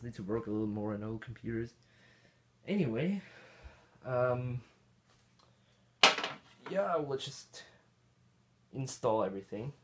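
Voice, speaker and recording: In a laid-back tech vlog, a man from Austria talks to himself while tinkering with an old computer, rambling along and chuckling now and then. He's a vintage computer hobbyist whose voice is on the low side and a little mellow.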